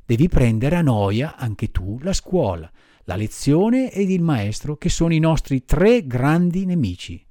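A man's voice: on the high side, sing-song, unhurried, mellow, dry recording, studio quality. A man voicing a gang of rowdy schoolboys in a storybook reading, taunting and threatening. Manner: bullying, taunting.

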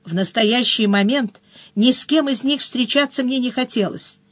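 A woman narrating a first-person audiobook in a brisk storytelling manner, with short dips into other characters' voices. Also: on the high side, dry recording.

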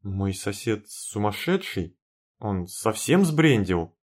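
Low-voiced man narrating a dramatic tale. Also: very animated, slow pace. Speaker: audiobook narrator. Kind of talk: scripted narration.

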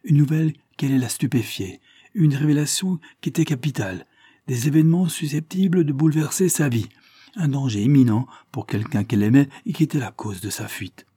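A man reading a detective story aloud with measured, dramatic narration. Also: mid-range voice, dark tone, breathy edge, no room sound, clean studio sound.

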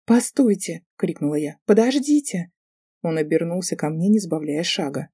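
A woman reading a fantasy audiobook in steady, lively storytelling narration. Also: lowish voice, slightly rough, no echo, clean studio sound. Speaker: audiobook reader.

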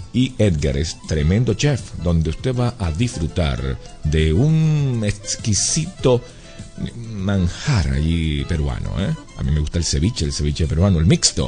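A man's voice: deep voice, darkish tone. A man hosting a live radio show, reading an ad and repeating addresses and phone numbers, slipping into English at times. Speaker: radio host. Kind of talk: live radio talk with ad reads.

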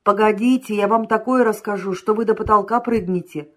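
A woman reading an audiobook, voicing a brisk, cheerful man who urges his friend to hurry. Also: mid-range voice, fairly even intonation, lightly acted. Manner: brisk, urging.

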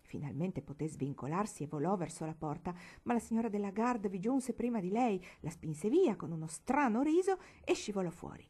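A woman narrating a literary audiobook with expressive, dramatic storytelling. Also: medium pitch, moderate pace, few pauses, breathy edge. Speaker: audiobook reader.

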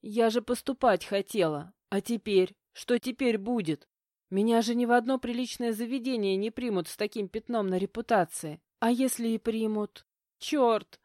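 A woman's voice: medium pitch, moderate pace, few pauses, darkish tone, dry recording, clean studio sound, natural voice. A woman reading an audiobook voices a distressed teenage girl who speaks in agitated, tearful exclamations. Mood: distraught. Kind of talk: audiobook character voicing.

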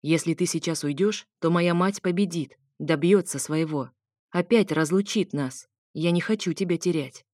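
A woman voicing a grumpy, sarcastic young man in an audiobook, speaking gruffly and snappishly. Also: lowish voice, normal speed, a little mellow, no echo, studio quality, lightly acted. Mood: earnest.

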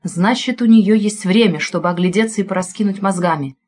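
A woman reading a thriller audiobook in an expressive narrating voice. Her pitch sits in a middle range for a woman. She follows the heroine's thoughts closely. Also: brisk.

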